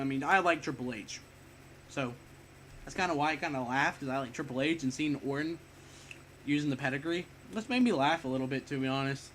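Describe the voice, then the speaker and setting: A young man gives a rambling, casual spoken review of wrestling, sounding a bit sick and short of breath, often correcting himself and swearing offhand. His voice is a little high and a bit bright, with slight background noise.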